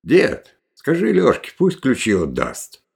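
A man's voice: mid-range voice, huge pitch swings, slow, gravelly, husky, full character voice. A man voicing a confident middle-aged village chairman who speaks bluntly, in a storybook reading.

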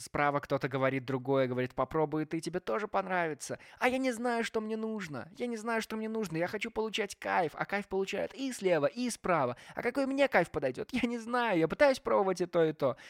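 A man in his twenties hosting a podcast in a casual, theatrical way, swinging between loud outbursts and quiet asides. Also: high voice, gravelly, dry recording, studio quality. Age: 20s. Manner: animated, theatrical, jumps between loud and hushed. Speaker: podcast host.

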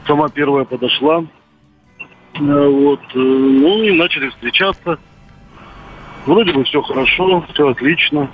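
A man in his fifties calling into a radio show over a landline phone, telling his story haltingly with many pauses and filler sounds. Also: fairly high pitch, faint music behind. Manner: hesitant, filled with "uh" pauses and hedging phrases. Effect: heard over a landline phone. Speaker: caller. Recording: tinny phone line, faint noise.

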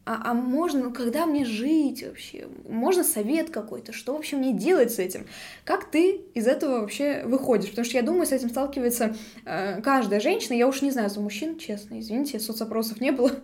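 An eighteen-year-old woman hosting a podcast in casual chat, talking in a chatty, halting way full of fillers. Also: sits high, darkish tone. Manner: chatty, hesitant with many fillers. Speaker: podcast host.

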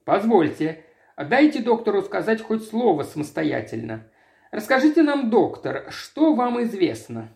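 A man doing a gruff police commissioner. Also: sits high, big pitch swings, unhurried, a little mellow, voice pushed up, exaggerated voice. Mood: brusque. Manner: brusque, barking.

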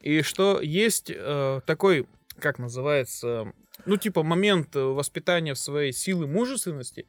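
A man's voice: fairly high pitch, expressive, measured pace, no room sound, faint music behind. A man in his thirties co-hosting a casual podcast, rambling and laughing often between crude jokes. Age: 30s. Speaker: podcast co-host. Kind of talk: casual joking podcast chat.

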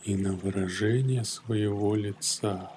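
Over soft background music, a man leads a morning meditation with the calm, soothing delivery of a yoga teacher. His voice is fairly low and steady, and he lets long silences fall between phrases.

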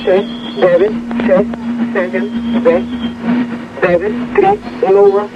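A man reading out digits in a flat, mechanical way, heard as a fading shortwave radio broadcast. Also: high-pitched, lo-fi sound. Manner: slow, flat, mechanical counting. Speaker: number station announcer.

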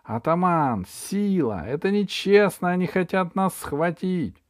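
A man's voice: mid-range voice, animated, a little slow, darkish tone, no room sound, clean studio sound, lightly acted. A male reader voicing a clever, brave young girl in an audiobook, speaking in an earnest, firm way. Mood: alarmed. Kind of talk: audiobook reading.

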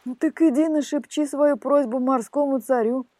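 A woman's voice: sits high, steady tone, moderate pace, dark tone, dry recording, voice pushed up, natural voice. A woman voicing a good-natured old fisherman who teases and scolds his wife in a fairy tale. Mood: teasing.

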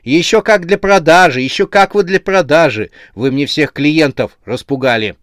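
A man's voice: mid-range voice, big pitch swings, unhurried, dry recording, clean studio sound. A man voicing a pushy cheerful young female shop seller in a horror audiobook, with gushing, insistent sales patter. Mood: indignant.

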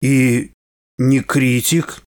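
A man's voice: mid-range voice, fairly even intonation, very slow, a little mellow, no echo, studio quality. A male reader voicing the dead writer, a skeleton speaking muffled from under the ground in short, curt replies. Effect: muffled, as if heard from under the ground. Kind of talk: storytelling read-aloud.

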